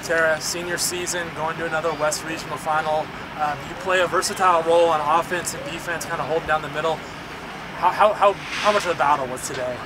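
A man's voice: on the high side, fairly even intonation, fast talker, background noise. A man interviewer asking chatty postgame questions outdoors at a soccer field. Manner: conversational, chatty. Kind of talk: postgame press conference hosting.

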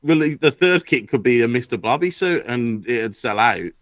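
A man co-hosting a casual podcast, cracking quick jokes. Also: medium pitch, expressive, a bit bright, a little hiss or hum. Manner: joking, quick quips. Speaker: podcast co-host. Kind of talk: casual chat.

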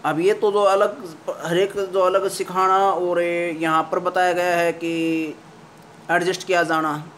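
A man gives a lesson on a story, reading each English line slowly before explaining it in Hindi. His voice sits high and stays fairly level. He restarts his sentences often as he works through the meaning. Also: a little hiss or hum. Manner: reads English lines slowly, then explains them in Hindi with frequent restarts. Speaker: English teacher.

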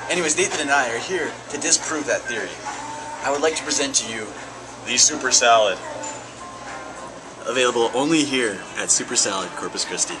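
A man's voice: medium pitch, fairly quick, long pauses, over music, low-quality recording. A young man in his twenties hosting a road-trip vlog in a jokey mock-anchor style, filmed outdoors on a handheld camera. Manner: jokey, mock-formal sign-offs. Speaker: vlog host. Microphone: handheld camera mic. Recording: outdoor camera audio with wind noise.

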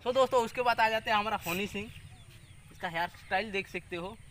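A man's voice: high voice, a little fast, a bit bright, a little hiss or hum. A young man hosting a casual village vlog outdoors, chatting and teasing as he leads children through tongue twisters. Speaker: vlogger.

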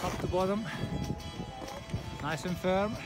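Guy on skis doing a quick snow update into his action cam, upbeat, short choppy phrases, a bit winded, loud guitar music over it. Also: high voice. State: slightly out of breath from effort. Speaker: skier filming a snow report. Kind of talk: casual on-the-go commentary. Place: outdoors on a high glacier ski slope. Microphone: handheld or helmet action camera.

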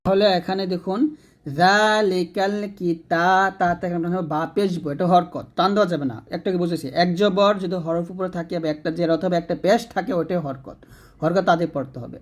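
A man teaching Quran reading step by step, patiently repeating each rule and chanting the sample words slowly. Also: high-pitched. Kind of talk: step-by-step spelling lesson.

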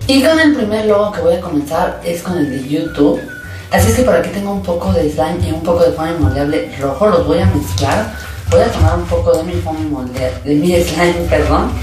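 Sing-song woman in a very echoey room. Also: low-pitched. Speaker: host of a slime craft channel. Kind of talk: casual hands-on craft narration. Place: indoors at a tabletop, hands-only shot. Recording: very echoey room, distant mic, background music. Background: music.

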